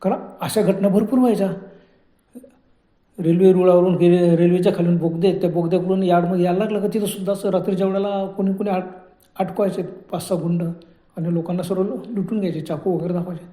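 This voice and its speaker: Man, horror storyteller, very dark mellow voice, echoey room, dramatic hushed delivery. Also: sits high. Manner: dramatic, drops to hushed whispers for suspense. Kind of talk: spoken horror story narration.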